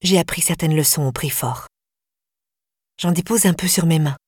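A woman narrating a novel in the first person, with a measured, intimate delivery that slows in tense passages. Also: sits low, darkish tone, slightly rough, no echo, studio quality. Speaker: audiobook narrator.

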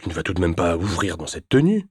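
A battered, wry ex-husband in a deep, low voice, defensive and dry-witted, as a male narrator plays him. The sound is close and dry. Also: big pitch swings, fast, husky, no room sound, full character voice.

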